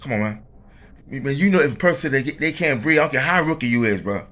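Male co-host, mid-pitched, earnest and repetitive, chatty street-casual delivery. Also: lively intonation, quick pace, a bit bright. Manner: earnest, repetitive, tags sentences with "man". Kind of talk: casual chat.

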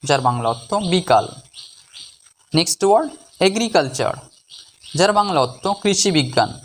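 A man's voice: fairly high pitch, fairly bright tone, slight background noise. Patient man teaching word by word. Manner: patient, spells words out letter by letter. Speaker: English pronunciation teacher. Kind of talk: slow syllable-by-syllable pronunciation lesson.

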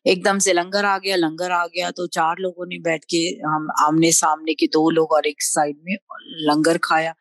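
A middle-aged woman telling a personal devotional story in an animated way, switching between Hindi and English. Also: lowish voice, unhurried, no echo. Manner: lively storyteller mixing Hindi and English, acting out quoted speech. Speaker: devotee sharing a testimony.

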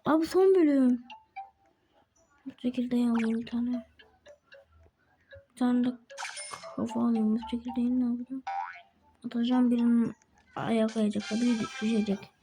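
A woman giving chatty gameplay commentary as a channel host, talking to herself and to other players and getting quickly frustrated. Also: a little high, fairly even intonation, warm tone, faint music behind.

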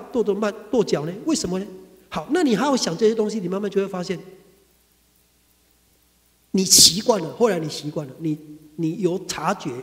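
A man with a Taiwanese Mandarin accent giving a Buddhist sutra lecture, talking conversationally and acting out everyday quarrels. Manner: animated, acts out quarrels with sudden high bursts. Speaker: Buddhist dharma teacher. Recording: reverberant hall.

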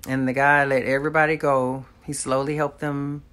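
A woman's voice: extremely low pitch, level tone, normal speed, fairly bright tone, clear, resonant tone. A woman, earnestly telling a personal testimony straight to the camera from a small room at home. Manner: earnest, talks straight to viewers, faith-filled. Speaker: vlogger.

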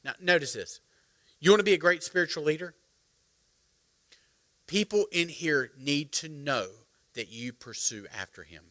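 A middle-aged man, preaching a sermon as pastor, animated and joking as he calls on the congregation. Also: on the high side, moderate pace, pauses often. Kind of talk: sermon with storytelling. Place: church sanctuary.

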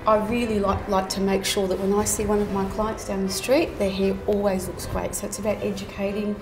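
A woman's voice: medium pitch, level tone, fairly quick. A woman in her forties, a hair stylist, answering interview questions earnestly with plenty of ums. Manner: earnest, with many fillers. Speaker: hair stylist and salon owner. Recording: echoey room with music under it.

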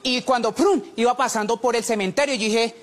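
Very high-voiced comic on stage. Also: male voice, fairly quick. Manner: animated, acts out voices, laughs through lines. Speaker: stand-up comedian. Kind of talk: stand-up storytelling. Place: comedy stage before a live audience. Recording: live show with audience and noise.

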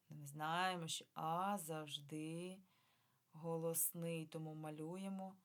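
A woman with a fairly low, breathy voice teaches young children in a remote lesson. She speaks patiently and clearly, stretching out each sound and pausing to ask the class questions. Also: darkish tone. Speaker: primary school teacher. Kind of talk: remote lesson for first graders.

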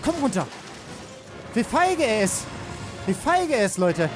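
Young guy w very high voice yelling play-by-play over loud game music, says everything 3 times. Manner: excitable, repeats words rapidly, mixes in English slang. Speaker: let's player. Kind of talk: live gameplay commentary.

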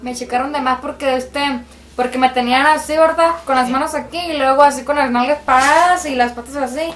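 A young woman recounting her experience in a lively, colloquial way in a small dormitory room. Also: sits high, a little fast. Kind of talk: interview, personal account. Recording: roomy echo.

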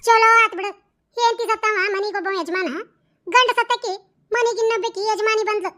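A woman's voice: very high-pitched, fairly even intonation, brisk, sharp tone. A spiteful scheming village mother. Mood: scornful. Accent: North Karnataka Kannada. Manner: sneering, scolding, harsh. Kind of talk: cartoon voice acting.

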